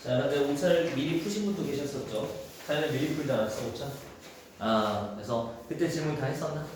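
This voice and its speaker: A man teaching a high school Korean class, talking casually through exam questions and thinking aloud. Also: brisk. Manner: casual, thinks aloud, acts out quoted dialogue in a raised voice. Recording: echoey room with faint noise.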